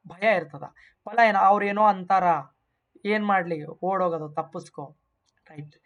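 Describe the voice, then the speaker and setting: A woman with a North Karnataka Kannada accent, an exam coaching teacher going over test answers, emphatic, repeating key points and mixing in English terms. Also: on the high side.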